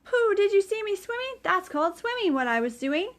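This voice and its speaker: A woman voicing a tiny, excitable baby kangaroo boy who squeaks boastfully. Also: a little fast. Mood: excited squeaky.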